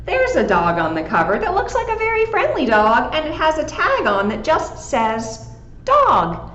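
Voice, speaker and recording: A woman librarian reading a picture book aloud to children, animated and asking them questions along the way. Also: high-pitched, moderate pace. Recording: echoey, dull, faint background hiss.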